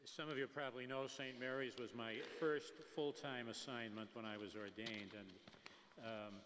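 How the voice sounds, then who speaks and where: An older man in his seventies or beyond gives a conversational homily as a priest, informal and halting, in a large echoing church. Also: medium pitch, a bit bright, slight background noise. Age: 70s or older. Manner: informal, anecdotal, halting and rambling. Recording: long church reverb.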